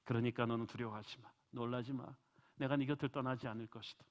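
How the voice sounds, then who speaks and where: A man voicing God, soft and tender. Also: medium pitch, steady tone, fast, natural voice. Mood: reassuring. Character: gentle comforting male God speaking to a person.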